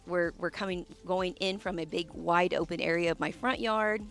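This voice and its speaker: A landscape designer in her forties, who hosts a channel, tours the side yard of her own garden while hoarse from a cold. Her fairly low voice is chatty and warm, full of asides, fillers and restarts, with soft music and running water behind her.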